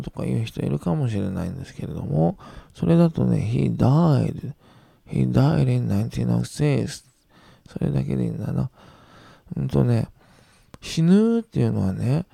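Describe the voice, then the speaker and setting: Man, teacher, gravelly voice, dark tone, dry close sound, patient, slow careful repetitions. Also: mid-range voice, no echo. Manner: patient, repeats example sentences slowly; gentle reassurance to students. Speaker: English teacher. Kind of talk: recorded grammar lesson.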